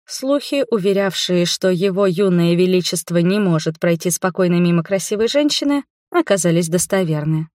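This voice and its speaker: A woman's voice: on the low side, animated, moderate pace, few pauses, darkish tone, dry recording, studio quality. A woman reading a first-person novel aloud, narrating and voicing the characters in dialogue. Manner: voices several characters in dialogue. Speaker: audiobook narrator.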